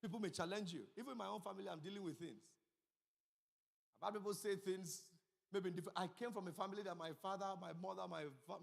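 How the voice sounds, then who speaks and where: A middle-aged man preaching a sermon as pastor, telling stories and swinging from low asides to loud emphasis. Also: vocal fry. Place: church sanctuary. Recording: church hall reverb.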